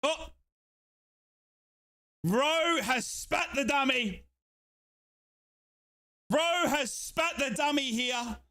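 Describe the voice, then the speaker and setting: A young Australian man giving excited live football commentary on a watchalong stream, shouting and repeating himself, his voice going hoarse. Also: very high-pitched, extremely slow, long pauses.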